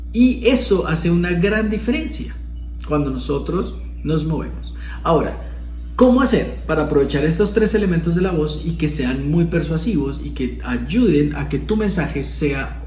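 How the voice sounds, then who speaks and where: A man's voice: a little high, warm tone, echoey room, a little hiss or hum, rough recording. A man hosting a video lesson, explaining in a casual tone and acting out tones of voice as examples. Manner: demonstrative, acting out emotional tones of voice. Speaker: video host teaching communication. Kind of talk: casual explanatory talk to camera.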